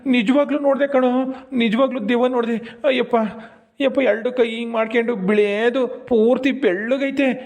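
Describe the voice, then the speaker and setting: A man's voice: very high-pitched, steady tone, normal speed, vocal fry, a little mellow. A man playing a panicky rich village landlord. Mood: shaken, insistent. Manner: frightened, cries out to gods and stammers. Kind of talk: rustic comedy skit.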